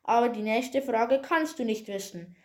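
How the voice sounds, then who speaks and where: A woman voicing a shrill, furious evil witch in a storybook tale. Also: lively intonation, unhurried. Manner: shrieking, furious.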